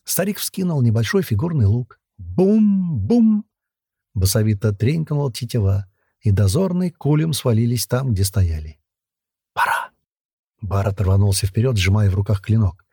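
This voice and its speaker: A man narrating a fantasy audiobook in a steady storytelling manner. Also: lowish voice, moderate pace, husky, no room sound, clean studio sound.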